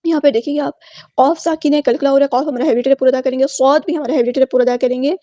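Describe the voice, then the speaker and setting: Woman tajweed teacher, high voice, close dry dull-toned mic, slow chanted words then brisk explanation. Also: steady tone, dark tone, no room sound. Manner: slow drawn-out chanted recitation of each word, then quick explanation. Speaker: Quran recitation teacher. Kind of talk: tajweed lesson, word by word explanation.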